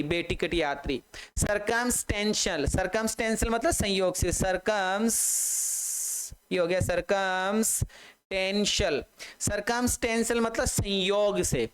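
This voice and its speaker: A man's voice: high voice, clear, resonant tone. A man with an Indian accent teaching English vocabulary in Hindi, repeating each word many times and spelling it out letter by letter. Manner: drills students to repeat aloud. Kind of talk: online vocabulary lesson.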